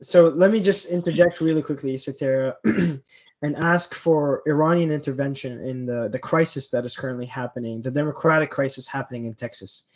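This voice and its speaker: A man's voice: medium pitch, fairly quick. A man hosting a casual political podcast chat, speaking sarcastically and chuckling mid-sentence.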